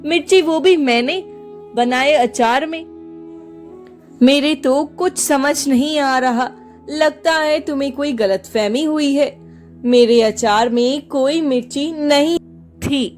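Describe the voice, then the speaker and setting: A woman's voice: sits high, slow pace, soft background music. A woman voicing an old village pickle seller who talks in fussy exclamations. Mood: bewildered.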